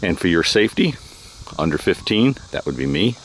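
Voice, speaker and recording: A travel vlogger chats jokingly and teasingly from behind a handheld camera mic, outdoors on a winery patio and a park trail. His deep, sing-song voice moves at a normal speed over a noisy background.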